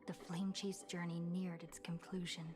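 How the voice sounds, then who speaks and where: A woman voicing a calm game narrator. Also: on the low side, natural voice. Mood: measured. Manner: measured, steady storytelling. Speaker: story recap narrator in a video game. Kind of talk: scripted narration. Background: game music.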